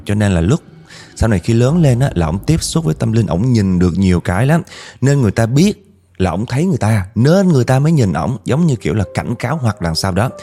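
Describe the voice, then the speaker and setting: A man's voice: lowish voice, dark tone. A man with a Southern Vietnamese accent telling a ghost story in a chatty way, addressing listeners directly. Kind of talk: casual ghost-story narration.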